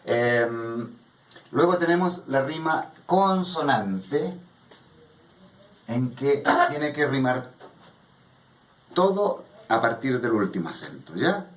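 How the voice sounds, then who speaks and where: A man's voice: mid-range voice, big pitch swings, takes it slowly, long pauses. A man teaching a poetry workshop in a classroom, explaining patiently and often checking that students follow. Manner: patient, keeps checking understanding with "¿ya?". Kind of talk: classroom lecture. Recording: echoey room from a distant mic.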